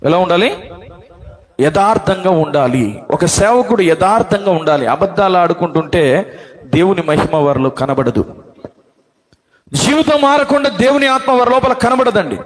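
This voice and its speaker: A male pastor preaching a sermon to a congregation, calling for responses and swinging between loud declarations and low asides. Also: expressive, moderate pace, long pauses. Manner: call-and-response preaching, urging the congregation to answer. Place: church hall with a congregation.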